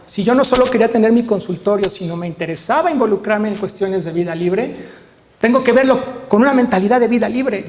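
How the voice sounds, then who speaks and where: A middle-aged man with a Mexican accent, a veterinarian telling lively anecdotes to an audience and acting out the dialogue. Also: high-pitched, big-room sound. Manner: lively storyteller, acts out dialogue, frequent tag questions. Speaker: veterinarian giving a talk.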